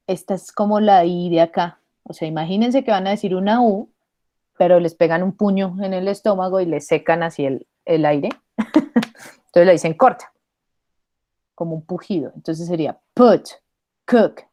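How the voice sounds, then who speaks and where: A woman's voice: fairly low pitch, warm tone, no echo. A Spanish-speaking woman teaching an English pronunciation class, patiently modelling vowel sounds and switching between English and Spanish. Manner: patient, models sounds slowly and repeats them.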